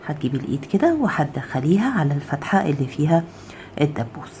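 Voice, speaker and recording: Fast-talking Egyptian woman teaching crochet. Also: deep voice, big pitch swings, a little hiss or hum. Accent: Egyptian Arabic. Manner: counts stitches aloud, keeps asking "okay?"; drops to a soft murmur while handling the work. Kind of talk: step-by-step crafting tutorial.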